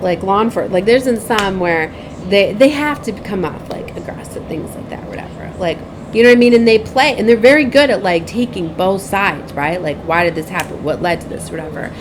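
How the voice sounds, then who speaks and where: A host who reads tarot and gives spiritual advice talks fairly quickly with few pauses, her voice medium in pitch, with noise behind her. Her casual vlog wanders and repeats itself, she often checks that listeners agree, and she reenacts remembered exchanges.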